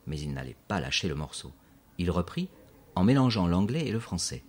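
A man narrating a storybook in a measured, scripted audiobook delivery. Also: deep voice, very animated, slightly rough.

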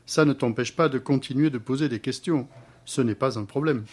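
A man voicing a gentle father who patiently explains things to his son, in a storybook reading. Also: mid-range voice, fairly quick, pitched above the performer's own voice, close to an everyday voice.

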